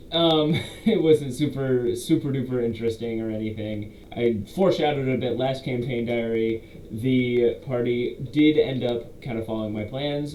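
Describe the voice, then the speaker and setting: A rambling young man with a mid-range, dark-toned voice gives a casual monologue in an echoey room, with faint hiss behind him. As game master he recaps a campaign, correcting himself and tossing in quick quotes from players.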